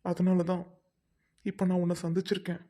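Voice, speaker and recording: Woman acting devoted lovelorn man, soft, earnest, consoling, flat delivery, dark tone. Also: fairly low pitch, normal speed, natural voice. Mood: tender. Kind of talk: amateur drama acting.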